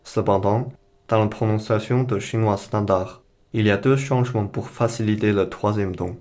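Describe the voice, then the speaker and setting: A man's voice: fairly low pitch, normal speed, a little mellow. A man teaching a beginner language lesson, explaining each point carefully and modeling the pronunciation for learners to repeat.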